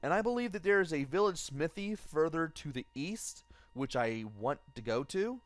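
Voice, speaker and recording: A tired man giving low-key gameplay commentary late at night, thinking aloud as he plays. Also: animated, moderate pace, dry recording. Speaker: let's play host. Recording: faint game music behind.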